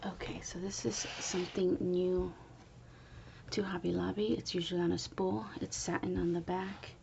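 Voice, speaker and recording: A woman chatting in a soft whisper at home early in the morning, showing her handmade planners. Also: fairly low pitch, little pitch movement, moderate pace, gravelly, highs cut off, background noise.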